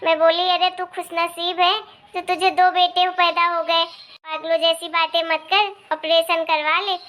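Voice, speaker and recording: A woman's voice: very high voice, level tone, unhurried, fairly bright tone, soft background music. A woman voicing a meddling young married neighbor who gossips and gives pushy advice. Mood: boastful.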